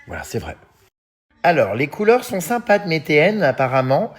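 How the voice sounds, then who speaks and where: A man's voice: on the high side, big pitch swings, normal speed, breathy edge. A man in his thirties vlogging casually to his followers, chatty and full of fillers, reading out and answering fan messages. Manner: chatty, many fillers like hein and euh; often laughs while talking. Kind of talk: casual story chat to followers.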